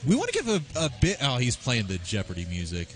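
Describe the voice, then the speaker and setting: A man giving chatty, energetic live roller derby commentary, with many fillers and restarts. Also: mid-range voice, fast talker. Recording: live arena crowd behind. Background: arena crowd.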